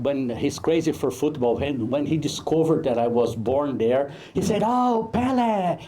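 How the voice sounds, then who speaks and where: A man from Brazil, a film director giving a humorous, anecdotal talk at a networking event, halting often with fillers. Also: medium pitch, mellow, slight background noise.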